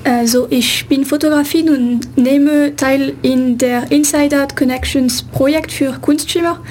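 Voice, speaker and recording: A woman's voice: sits high, fairly even intonation, unhurried, darkish tone, a little hiss or hum. A woman photographer from France with a French accent, answering radio interview questions in hesitant, non-native German with frequent fillers.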